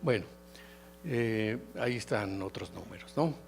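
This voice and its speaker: A middle-aged man from León with a Mexican Spanish accent, giving a halting academic lecture full of hesitations and restarts. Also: on the low side, animated, vocal fry, slight background noise. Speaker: keynote lecturer.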